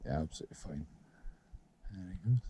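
A man's voice: sits low, expressive, fairly quick, mellow, slight background noise. A man talking to himself and his friend while fishing on a rocky shore, urging the fish on and swearing now and then, heard through a head-mounted camera. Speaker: angler and channel host. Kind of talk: live fishing commentary. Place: rocky sea shore outdoors at night and dawn. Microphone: head-mounted action camera.

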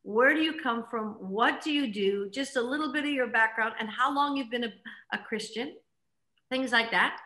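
A bright, fairly high-voiced middle-aged woman hosts an interview over a video call, talking with eager enthusiasm and lots of fillers. Her voice rings a little in an echoey living room. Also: normal speed. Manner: enthusiastic, chatty with many fillers. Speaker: host. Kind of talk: online interview chat.

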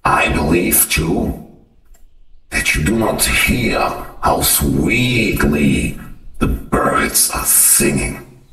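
A crafty, scheming wolf, purring his words out very deep and slow. He sounds set back from the mic in a roomy space. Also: fairly bright tone, recorded from a distance, full character voice. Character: sly wicked male wolf, crafty and scheming.

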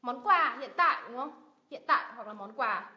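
A woman's voice: a little high, expressive, moderate pace. A Vietnamese woman teaching English pronunciation on a livestream, drilling words with strong stress and asking viewers questions. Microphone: livestream mic. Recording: dull lo-fi livestream audio.

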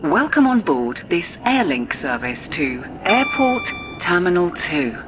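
Woman, onboard train announcer; low, lilting, unhurried, over heavy rail noise. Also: big pitch swings. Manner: measured, evenly spaced station call-outs. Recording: loud train rumble behind.

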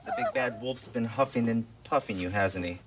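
A man's voice: mid-range voice, expressive, a little fast, over loud music, natural voice. A middle-aged man playing a caring, sensible neighbor, earnest and reassuring, in a children's show.

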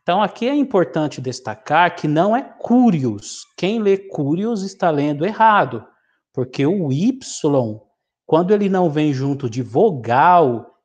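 A middle-aged man from Brazil teaching a vocabulary lesson, reading a word list slowly and explaining each entry. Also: fairly high pitch, darkish tone. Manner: slow, deliberate reading of word lists with explanations. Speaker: Greek teacher.

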